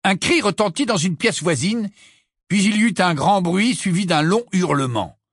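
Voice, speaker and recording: A man reading an audiobook aloud with dramatic, expressive narration. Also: high voice, normal speed, husky, dry recording, clean studio sound.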